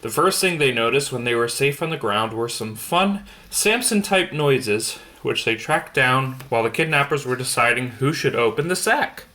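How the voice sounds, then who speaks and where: A man with an expressive, sharp-toned, mid-range voice reads a bedtime picture book at a moderate pace with few pauses, over a little hiss or hum. He stumbles now and then and explains the pictures as he goes.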